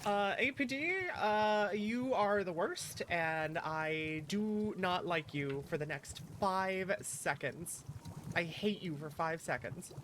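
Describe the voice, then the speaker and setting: A playful, chatty VTuber chats casually with viewers during a game, reading game dialogue aloud in a livestream. The mid-range voice is slow and fairly bright, with a little hiss or hum. Game music plays behind it.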